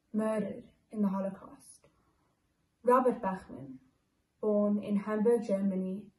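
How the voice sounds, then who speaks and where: A young woman from South Africa solemnly reading a list of names at a memorial, in a slow, soft recitation. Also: mid-range voice, far from the mic. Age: young adult. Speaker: memorial reader. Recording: echoey room, away from the mic.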